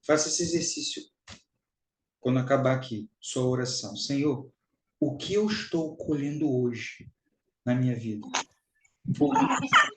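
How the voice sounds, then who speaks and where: A man's voice: mid-range voice, echoey room, a little hiss or hum, low-quality recording. A Brazilian man giving a spiritual teaching talk, emphatic and repetitive, calling his listeners brothers and sisters.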